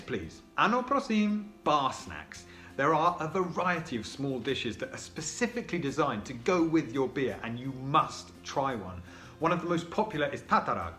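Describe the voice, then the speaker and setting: A man hosts a scripted explainer vlog in a fairly high, animated voice. His delivery is upbeat, like a tour guide's. The room gives his voice a noticeable echo, with faint music underneath. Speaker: vlog host. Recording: roomy echo.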